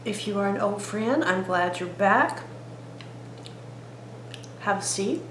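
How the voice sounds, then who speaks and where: A woman's voice: medium pitch, slow, reverberant, slight background noise. A woman chatting to viewers in a homey way as she cooks in her home kitchen. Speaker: cooking vlogger. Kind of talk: casual cooking vlog.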